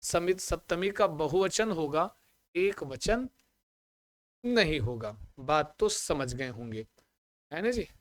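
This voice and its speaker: A man teaching a Sanskrit exam-prep lesson online, chanting word forms slowly and coaxing his students with questions he answers himself. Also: a little high, fairly bright tone, no room sound. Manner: asks the class questions and answers them himself.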